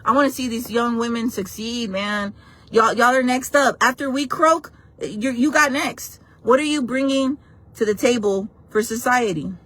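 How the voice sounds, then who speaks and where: A woman's voice: fairly high pitch, normal speed, a bit bright. A woman in her forties hosting a casual livestream chat, talking bluntly and playfully while she reacts to her chat. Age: 40s. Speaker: livestream host.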